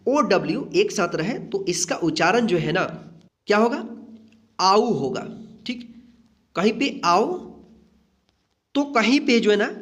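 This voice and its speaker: Guy teaching phonics, high voice, spells stuff out letter by letter then rattles through the rules. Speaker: English teacher.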